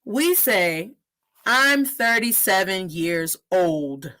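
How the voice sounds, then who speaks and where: A woman in her thirties hosting a casual interview, energetic and sprinkling Spanish words into her English. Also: mid-range voice, drawn-out words. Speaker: podcast host.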